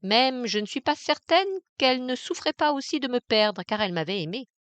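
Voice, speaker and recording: A woman reading a novel aloud in the first person, measured and intense. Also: fairly high pitch, expressive, fairly bright tone, no echo. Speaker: audiobook reader. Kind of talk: literary audiobook narration in the first person.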